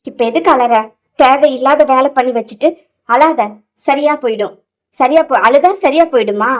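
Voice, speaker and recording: A woman's voice: high-pitched, normal speed, natural voice. A woman voicing an angry young man who scolds bluntly, in an audio novel. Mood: stern, scolding.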